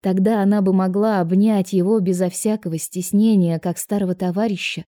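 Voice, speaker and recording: A woman narrating an audiobook in a measured storytelling manner. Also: medium pitch, fairly even intonation, mellow, no echo, clean studio sound. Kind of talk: scripted narration.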